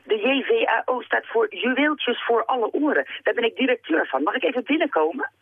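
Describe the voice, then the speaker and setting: A woman voicing a jovial, smooth-talking grown man in a children's story read aloud, in an eager, delighted tone. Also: on the high side, expressive, fairly quick, no echo, voice pushed up. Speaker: children's book author reading aloud. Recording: tinny phone line.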